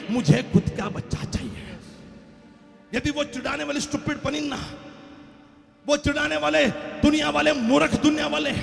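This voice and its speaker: A man preaching a sermon, swinging between loud shouts and hushed, dramatic passages. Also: very high voice, vocal fry. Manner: preaching with sudden shouts and dramatic dips, mixing Hindi and English. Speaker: pastor. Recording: echoey hall with faint music.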